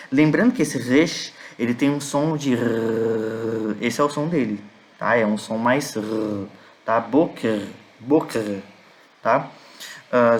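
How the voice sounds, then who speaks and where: A male teacher with a Brazilian Portuguese accent, patiently explaining vocabulary in a recorded class, repeating each word slowly and checking in with his students. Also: mid-range voice.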